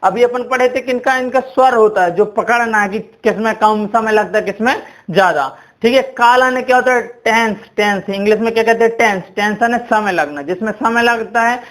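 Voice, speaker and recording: A man from India with a high, slightly bright voice teaches a grammar lesson. He is repetitive, quizzing listeners with "कितने होते हैं?" and reinforcing key points with "ठीक है".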